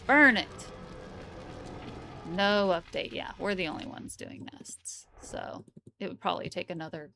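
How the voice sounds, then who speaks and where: A woman's voice: lowish voice, normal speed, gravelly, over music. A tired woman game streamer chatting casually and rambling with fillers as she wraps up her live stream. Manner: relaxed, rambling, many fillers.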